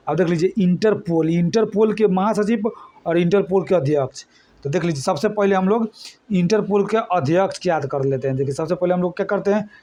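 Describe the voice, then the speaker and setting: A man's voice: sits high, a little mellow. A man from eastern India, teaching an exam-prep lesson with memory tricks. He talks colloquially and keeps quizzing his students.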